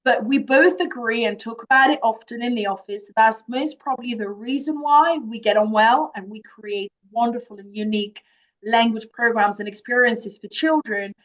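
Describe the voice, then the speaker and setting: Speaking at a moderate pace with a French accent, a woman from Jura, France, earnestly pitches a children's language summer camp to parents from her office. Her voice leans high, and the recording quality is low.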